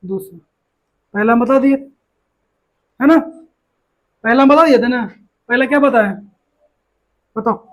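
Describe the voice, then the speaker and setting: A woman's voice: on the high side, takes it slowly, long pauses, muffled recording. A woman teaches a classroom grammar lesson. She says each example over and over and keeps asking her students whether they follow. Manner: repeats each word, keeps quizzing students.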